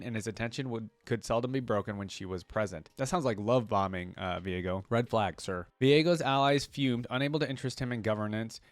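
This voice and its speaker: A medium-pitched man, recorded dry, reads lore out loud in a casual reaction video. Between passages he adds chatty remarks of his own.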